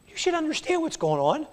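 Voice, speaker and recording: Preaching through a scripture passage, a pastor's high, light voice alternates between quiet, low lines and loud, emphatic ones. The sanctuary gives everything he says a long reverb.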